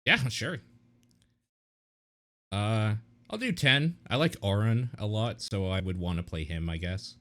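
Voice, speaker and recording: A man with a fairly low voice that swings up and down a lot, reading listener questions on a casual podcast. He jokes around, laughs often and drops the odd swear word. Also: animated, unhurried, long pauses, pushed and bright.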